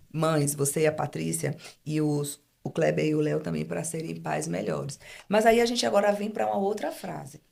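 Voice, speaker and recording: Low, gravelly-voiced woman host. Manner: expressive, addresses the audience directly. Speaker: host and coach. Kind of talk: interview conversation.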